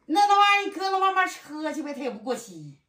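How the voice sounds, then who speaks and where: A woman's voice: high-pitched, very animated, quick pace, sharp tone. A middle-aged woman with a Northeastern Mandarin accent, chiding her son with frequent exclamations in casual chat. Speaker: mother of the vlogger.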